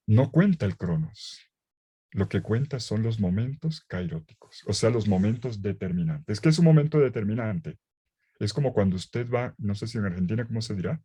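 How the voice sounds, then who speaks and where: A man lectures in an animated teaching style, firing rhetorical questions and hammering points home by repeating them. His voice is mellow and dark with a slightly husky grain. He speaks from an indoor room with a bookcase behind him. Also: lowish voice. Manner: rhetorical questions and emphatic repetition. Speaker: lecturer on the Gospel. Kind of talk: lively teaching talk.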